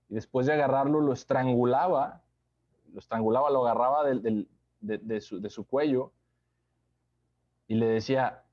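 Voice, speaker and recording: A man giving a conversational Bible study sermon, unhurried, often checking in with listeners through tag questions. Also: medium pitch, warm tone, lo-fi sound.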